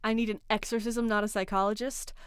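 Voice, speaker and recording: A woman hosting a livestream in casual chat, sarcastic and animated, reading out chat comments. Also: mid-range voice, fairly quick, clear, resonant tone, no room sound, studio quality. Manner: animated, sarcastic, reads chat aloud, swears and laughs. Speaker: livestream host.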